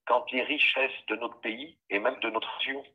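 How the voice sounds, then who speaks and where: A man's voice: medium pitch, fairly even intonation, moderate pace, husky. A man speaking as a guest on a political livestream, heard through a phone on speakerphone, formal and speech-like as he searches for words. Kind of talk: political address on a live video meeting. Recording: muffled lo-fi phone speaker sound.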